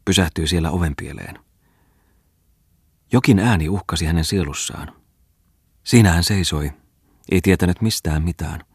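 A man narrating a literary audiobook in a measured, even manner. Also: deep voice, slightly rough, no room sound, clean studio sound. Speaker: audiobook reader.

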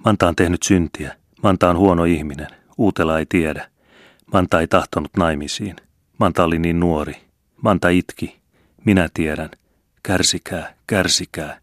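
A man's voice: sits low, husky, no echo, clean studio sound. A man reading a desperate pleading young girl. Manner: pleading, broken short phrases.

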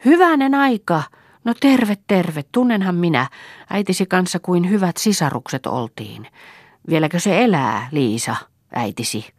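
A woman reader voicing a frail, excitable old woman who talks in an eager, quavering way. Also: fairly low pitch, dry recording, clean studio sound, voice pushed up. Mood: delighted. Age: older.

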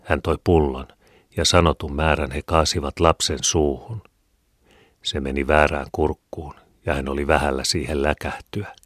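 Very deep-voiced male audiobook narrator. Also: steady tone, a bit bright, no echo, studio quality. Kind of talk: scripted narration of a classic novel.

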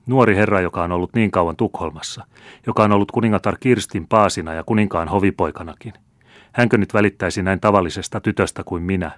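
A man reading an old storybook tale, voicing a spirited young peasant girl with quick, scolding retorts. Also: deep voice, no room sound, natural voice. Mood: teasing.

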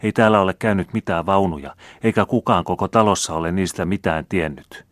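A man's voice: deep voice, no echo, studio quality, lightly acted. A man reading the part of an anxious young noblewoman who speaks breathlessly and pleads.

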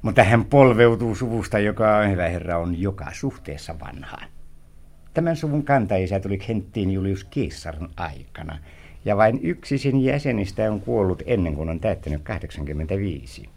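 An actor playing a fussy, placating lawyer in a 1960s radio drama, smoothing things over. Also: male voice, low-pitched, animated, darkish tone, exaggerated voice. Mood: smooth persuasive. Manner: fussy, placating, stammers when flustered. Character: fussy soothing middle-aged lawyer.

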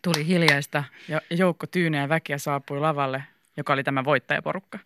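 A woman reading a children's story aloud in a lively, animated way. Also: deep voice, background noise.

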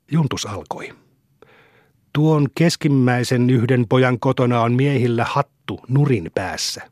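A man's voice: slightly rough, no echo, clean studio sound. A man reading a classic novel aloud as an audiobook narrator, telling the story steadily. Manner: steady storytelling, lifts pitch for the boys' quotes. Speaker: audiobook reader.

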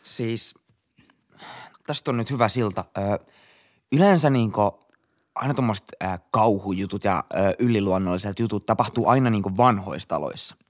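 A young man co-hosting a podcast, chatting casually and relaxed, often pausing on fillers. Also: on the low side. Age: young adult. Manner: relaxed, with many hesitation fillers. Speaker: podcast co-host.

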